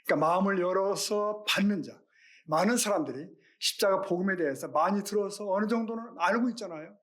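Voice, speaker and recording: A man's voice: sits high, fairly quick, a bit bright. A middle-aged male pastor giving a Sunday sermon, earnest and questioning, with rhetorical questions to the congregation.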